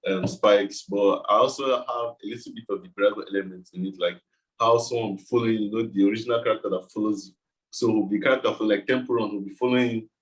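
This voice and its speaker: A man's voice: fairly low pitch, low-quality recording. A man with a West African accent talking casually as an interview guest, explaining things in a loose, informal way. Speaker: game developer being interviewed.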